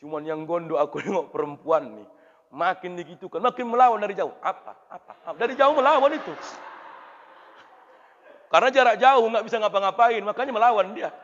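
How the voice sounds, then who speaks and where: Preacher, male, animated and theatrical, echoey muffled hall. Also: high-pitched, a little fast. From Indonesia. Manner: animated, swings loud and soft, acts out voices. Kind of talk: lively mosque sermon. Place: mosque. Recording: reverberant hall through dull PA sound.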